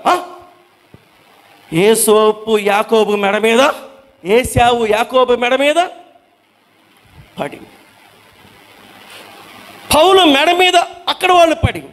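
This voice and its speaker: A man's voice: very high-pitched, measured pace, long pauses, fairly bright tone, in a large hall. A man leading a Bible study, who addresses his listeners as children and repeats his questions before answering them himself.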